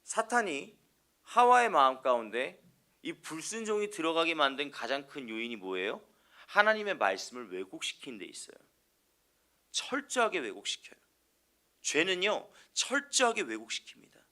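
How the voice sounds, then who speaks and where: A man's voice: fairly high pitch, big pitch swings, normal speed, sharp tone. A male evangelist preaching an earnest sermon, posing rhetorical questions to the congregation and answering them himself.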